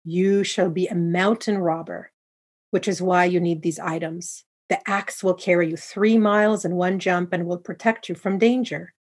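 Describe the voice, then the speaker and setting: A woman's voice: on the low side, steady tone, moderate pace, natural voice. A woman voicing three magical sisters who speak in a solemn, prophetic way.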